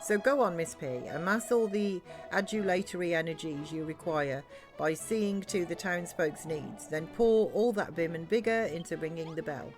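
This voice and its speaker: A woman's voice: lowish voice, normal speed, over music, natural voice. A woman voicing an earnest, formal soldier and builder in game dialogue read aloud. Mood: encouraging. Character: earnest, formal soldier-builder questioning beliefs and rallying allies.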